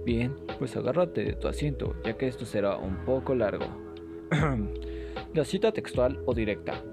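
A man's voice: medium pitch, expressive, normal speed, gravelly, over music. A man delivering scripted educational narration as an explainer, in a playfully formal, instructional manner.

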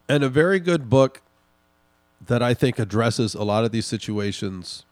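A man hosting a podcast, reading and commenting on news articles in an emphatic, indignant way, slowing down to stress his points. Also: medium pitch, a little mellow, no echo. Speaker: podcast host.

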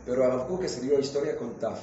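A man, a rabbi giving a lively Torah class in a synagogue, quizzing his listeners and joking with them. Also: mid-range voice, fast talker, a little hiss or hum. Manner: jokes and quizzes the audience with questions. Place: synagogue hall. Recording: echoey hall, dull lo-fi sound.

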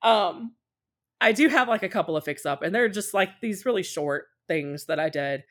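A podcast guest who makes podfics talks in a mid-range, fairly bright voice, animated and at a moderate pace. Casual and candid, she goes on at length conversationally, talkative and often voicing short quotes.

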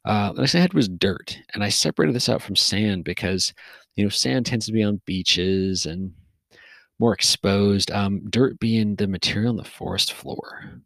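A man talks alone on his podcast in a loose, meandering way, full of fillers and restarts. His voice sits low with a gravelly edge. He sounds a little tired, recorded close and dry. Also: normal speed, no room sound. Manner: rambling, relaxed, with frequent fillers and restarts. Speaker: podcast host. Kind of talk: casual solo podcast monologue. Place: recorded outdoors near a forest.

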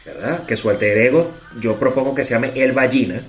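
A man's voice: medium pitch, fairly quick, soft background music. A middle-aged man with a Venezuelan accent, co-hosting a podcast in casual, playful banter. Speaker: podcast co-host. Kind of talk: casual chat.

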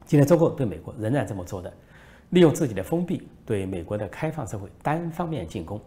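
Emphatic male political commentator. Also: fast. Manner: emphatic, lively pitch, storytelling.

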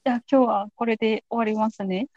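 High, mellow-voiced woman hosting a podcast. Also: steady tone, quick pace, no room sound, dull audio. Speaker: podcast host. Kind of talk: casual interview chat.

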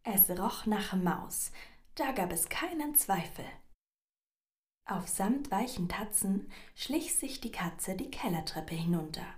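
A woman reading a children's story aloud with expressive, dramatic pauses. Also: mid-range voice.

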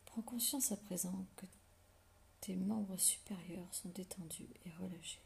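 A woman with a lowish, creaky voice whispers intimately into the listener's ear, guiding a relaxation meditation. Her slow, comforting instructions keep a fairly even intonation, broken by long pauses, with slight background noise.

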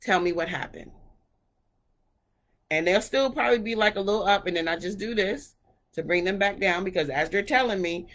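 A woman in her thirties talking casually about raising her children, in a relaxed storytelling way. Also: medium pitch, brisk. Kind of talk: casual parenting talk to camera.

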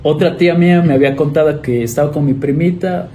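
A man's voice: fairly high pitch, fast talker, over a noisy crowd. A young man from Ecuador with an Ecuadorian Spanish accent, a guest telling a story in a casual, slangy way and acting out the voices in it. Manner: lively anecdote-teller who acts out the voices in his story; slangy, with many fillers.

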